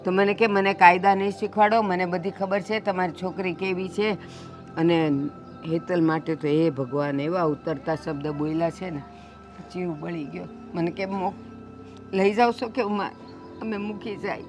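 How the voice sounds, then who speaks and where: A woman's voice: on the low side, steady tone, moderate pace, faint music behind, close to an everyday voice. A middle-aged woman playing an upset mother who indignantly retells a quarrel over her daughter. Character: distressed mother of a wronged bride.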